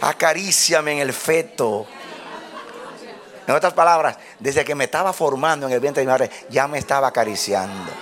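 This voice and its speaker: A man preaching a sermon to a congregation, swinging from loud shouts down to hushed whispers. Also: medium pitch, moderate pace, some chatter behind. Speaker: pastor. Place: church.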